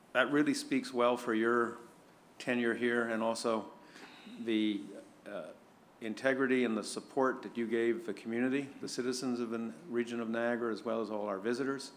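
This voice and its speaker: A man who is vice chair of a police board, giving a tribute at a meeting, halting and searching for words with many fillers. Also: on the low side, a little hiss or hum.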